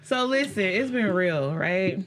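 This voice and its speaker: A woman's voice: mid-range voice, animated, a little slow. A woman in her thirties hosts a loose, joking podcast conversation with a teasing, frank manner. Her voice sits mid-range for a woman, and a faint hiss runs under it. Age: 30s. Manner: laughs often, teasing and frank. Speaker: podcast host. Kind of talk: casual chat.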